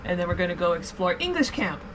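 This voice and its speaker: A woman's voice: lowish voice, big pitch swings, quick pace, over music. A woman in her forties vlogging from her boat, chatty and upbeat but weak and shaky after being ill, filmed on an action camera at arm's length. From Canada. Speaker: sailing vlogger. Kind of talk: casual vlog talk. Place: boat wheelhouse and deck, outdoors on water.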